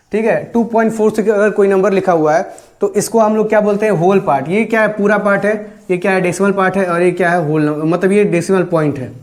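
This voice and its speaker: A man's voice: high-pitched, darkish tone. A man teaching a math lesson, asking questions and answering them himself and stressing each number, with English math terms mixed into his Hindi.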